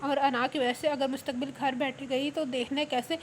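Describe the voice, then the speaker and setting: A woman reads a worried elder sister-in-law who scolds and rambles about family gossip. The voice is high, with a faint room hiss behind it, like a storybook read aloud. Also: little pitch movement, moderate pace, lightly acted. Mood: scolding.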